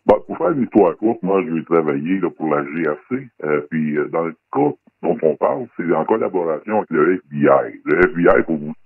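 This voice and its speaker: An anonymous man speaks through a voice-disguising filter that pushes his voice extremely low. He has a Québécois French accent and a breathy, husky tone, and the sound is dry and thin, like a phone line. He talks in a guarded way and hesitates often. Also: expressive, fairly quick, few pauses, no echo. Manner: guarded, hesitant, many fillers. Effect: voice electronically disguised, pitched very deep. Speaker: anonymous guest, former undercover federal police agent. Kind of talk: radio talk show interview.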